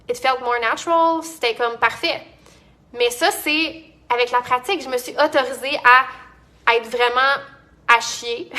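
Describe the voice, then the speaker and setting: A woman's voice: high voice, sharp tone. A young woman with a Quebec French accent, giving a casual motivational talk as a business coach, chatty and full of fillers and restarts.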